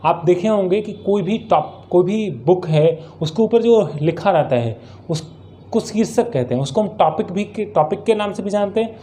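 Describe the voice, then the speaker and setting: Teacher guy, kinda high mellow voice, reads example sentences slow and answers his own questions. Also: animated. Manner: reads English example sentences slowly, then explains them; mixes Hindi and English. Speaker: English teacher. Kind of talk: vocabulary lesson.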